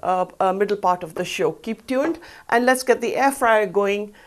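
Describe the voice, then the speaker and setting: Working on an indoor studio kitchen set, a middle-aged cooking show host walks through her demonstration step by step, cheerful and conversational. She speaks at a moderate pace in a mid-range voice.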